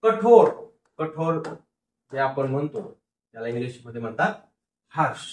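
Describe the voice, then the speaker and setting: A man's voice: mid-range voice, very animated, a little slow, a little mellow, slight background noise. A man teaching a phonics lesson, sounding out words syllable by syllable, repeating them and answering his own questions. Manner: asks the class questions and answers them himself. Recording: roomy echo, mic far off.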